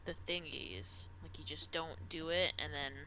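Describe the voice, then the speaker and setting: A bright, clear-cutting voice of someone helping a player in casual chat. The pitch is medium, and there is faint noise in the background. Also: steady tone, moderate pace, low-quality recording. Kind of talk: casual chat, giving game tips.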